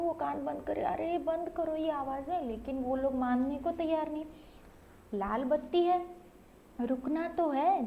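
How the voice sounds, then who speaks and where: A woman's voice: high-pitched, mellow, slight background noise, poor audio. A woman telling a moral story to children in a chatty way, asking herself questions and checking in with "thik hai" as she goes.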